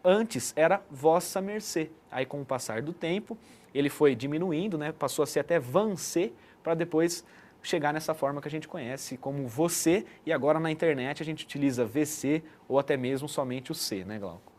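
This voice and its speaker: A man's voice: fairly high pitch, moderate pace, darkish tone. A man giving an explanatory online lesson as a teacher, checking in with the listener often. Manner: didactic, frequent "né" tag questions.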